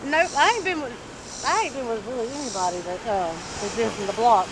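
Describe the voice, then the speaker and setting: A middle-aged woman chatting candidly in a street interview, animated and talkative, in an outdoor parking lot. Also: fairly high pitch, fairly quick. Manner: animated, chatty, acts out quoted voices. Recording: street noise in the background.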